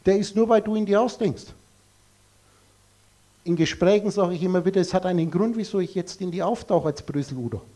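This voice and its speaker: High-voiced emphatic male lecturer. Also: a little fast, warm tone. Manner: emphatic, blunt, heavy on rhetorical questions. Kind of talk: live lecture to an audience.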